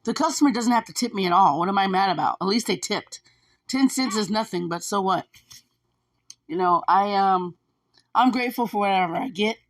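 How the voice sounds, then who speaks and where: In a mid-range voice at a fairly quick clip, a woman who drives for food delivery offers viewers casual advice. Her vlog is chatty, repetitive, and full of filler words.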